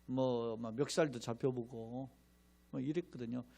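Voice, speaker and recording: A man's voice: medium pitch, steady tone, a little slow, gravelly, dark tone. A middle-aged man, a pastor, preaching a sermon with emphatic delivery and rhetorical questions to the congregation, sometimes acting out mocking voices. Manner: acts out mocking crowd voices in asides.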